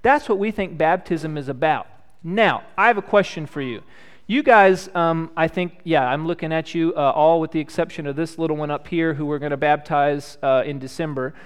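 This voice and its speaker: A man in his thirties, a pastor leading prayer and a children's message, speaking gently and asking the children simple questions. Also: a little high, normal speed, few pauses, clean tone. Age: 30s. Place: church.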